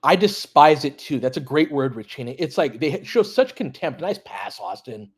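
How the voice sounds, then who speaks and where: Husky and sing-song at a fairly high pitch, this former high school basketball coach speaks at a moderate pace on his live stream. He trades between casual play-by-play and opinionated, sweary commentary, reacting to the action and chat as a partisan fan.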